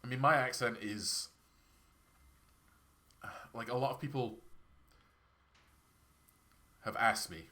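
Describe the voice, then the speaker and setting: This game streamer is a man from Scotland whose Perthshire accent is roughened by a cold-scratchy throat. Speaking slowly at medium pitch with long pauses and a sharp tone, he chats casually, rambles and is self-deprecating.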